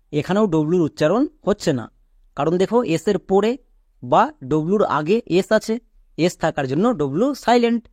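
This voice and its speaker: Higher-voiced man teaching patiently. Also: darkish tone, no echo, clean studio sound. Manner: patient, repeats rules and asks check questions. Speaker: English pronunciation teacher. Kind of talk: explanatory lesson.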